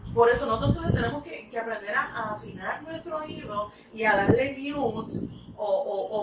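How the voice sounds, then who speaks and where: Woman from ny, rambly church talk, lots of eh's, kinda high voice, noisy echoey room. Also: distant mic. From United States (New York). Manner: rambling, filler-heavy storytelling. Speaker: English teacher, ministry speaker.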